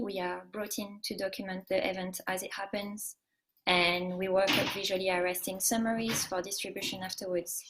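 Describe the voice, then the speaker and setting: Thirties woman, strong French accent, calm and friendly presenter who pauses now and then to find her words. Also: mid-range voice, low-quality recording. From France. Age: 30s. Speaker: guest speaker, live illustrator. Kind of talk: presentation talk. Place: remote call from home.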